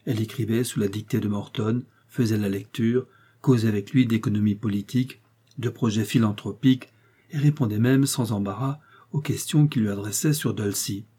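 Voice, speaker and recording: Dark-voiced male audiobook narrator. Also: on the low side, slightly rough. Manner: measured, literary storytelling. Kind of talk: audiobook reading.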